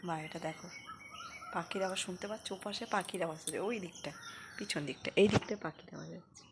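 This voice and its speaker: A woman chatting casually to her vlog viewers from her home kitchen, talking quietly at first so her sleeping daughter will not wake. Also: on the low side, fast talker. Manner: speaks softly so her sleeping daughter stays asleep. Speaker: vlogger. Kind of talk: casual daily vlog chat. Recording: home recording with noisy kitchen sizzle.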